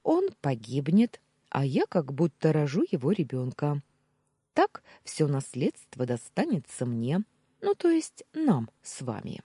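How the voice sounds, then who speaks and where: A woman voicing a greedy, scheming young woman with a pushy, sharp-tongued manner, reading an audiobook. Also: sits low, huge pitch swings, measured pace, husky, no room sound, studio quality, full character voice.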